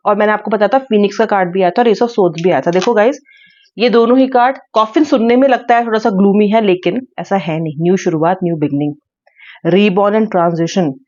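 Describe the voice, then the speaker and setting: A woman's voice: mid-range voice, a little fast, a little mellow, highs cut off. A woman giving a tarot reading to her viewers, speaking earnestly and repeating her key words. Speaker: tarot reader.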